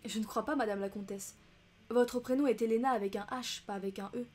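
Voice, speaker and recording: A woman voicing a shrewd, polite male detective who questions calmly and insistently in an audiobook reading. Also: fairly high pitch, fairly quick, soft background music, natural voice.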